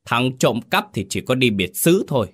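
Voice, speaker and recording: A man voicing a cruel, arrogant rich young master who shouts with contempt. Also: medium pitch, sing-song, moderate pace, voice pushed up. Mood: furious contempt.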